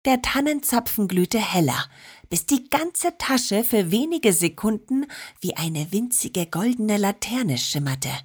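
Husky, animated female storyteller. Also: mid-range voice, measured pace. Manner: expressive, playful. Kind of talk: scripted narration of a children's story.

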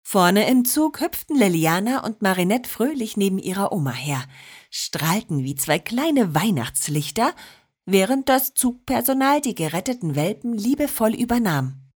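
A woman in scripted narration of a children's story, expressive and playful. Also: medium pitch, moderate pace, husky.

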